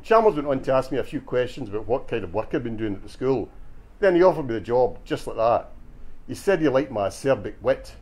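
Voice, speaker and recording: This man's mid-range voice sounds animated, a touch mellow and slightly rough, and he moves a little quickly. He plays a retired Glasgow joker, stocky and cheeky, bragging through a story in thick dialect at a bookshop event.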